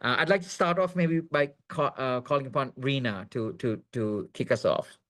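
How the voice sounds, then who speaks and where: A man moderating a webinar over a video call. His voice sits at an ordinary middle pitch. He talks in a hesitant, searching way full of fillers and restarts. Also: fairly bright tone. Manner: many fillers and restarts, measured. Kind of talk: hesitant spoken introduction.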